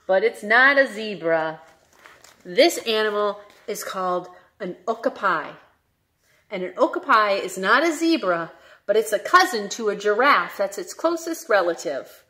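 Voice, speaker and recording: A young adult woman, a children's librarian reading aloud at story time in an animated, sing-song, questioning manner. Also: medium pitch.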